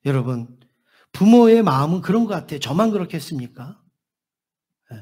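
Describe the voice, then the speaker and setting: A man's voice: fairly high pitch, very animated, normal speed, mellow, slightly rough. A male pastor preaching a Sunday sermon, repeating key phrases and asking the congregation questions. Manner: emphatic repetition and rhetorical questions to the congregation.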